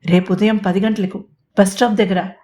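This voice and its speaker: A cheeky young suitor, bold and teasing, as a woman narrator puts him on. The voice stays at her own middle pitch. It is told as a storybook reading. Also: fairly even intonation, a little fast, warm tone, natural voice.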